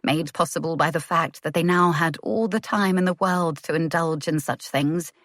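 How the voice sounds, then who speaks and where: Woman, romance audiobook narrator, measured, low voice, dry close sound. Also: no echo. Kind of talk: scripted narration.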